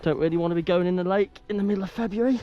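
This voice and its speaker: A man chatting excitably to his mate while fishing outdoors at a lake. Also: sits high, racing, lo-fi sound, faint music behind. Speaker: angler. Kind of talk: casual live chat while fishing. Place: lakeside outdoors.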